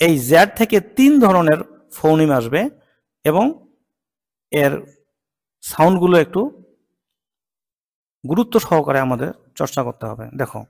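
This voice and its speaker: Man teaching sounds real slow, says each one over and over, kinda high voice. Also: animated, creaky, big-room sound. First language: Bengali. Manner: slow and patient, repeating each sound several times. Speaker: English phonetics teacher. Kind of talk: slow spoken pronunciation lesson.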